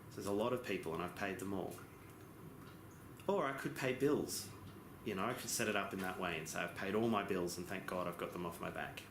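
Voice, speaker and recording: Deep-voiced man interpreting simultaneously, echoey room. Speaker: interpreter giving voice-over for a sign language lesson. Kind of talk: simultaneous interpretation of a lesson, spoken in phrases. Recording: echoey room with background noise.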